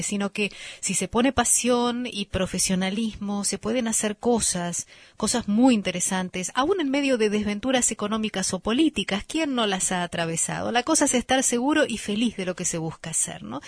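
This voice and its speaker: A woman hosting a radio science program, asking questions and giving measured closing remarks. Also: mid-range voice, no room sound, clean studio sound. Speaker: radio show host.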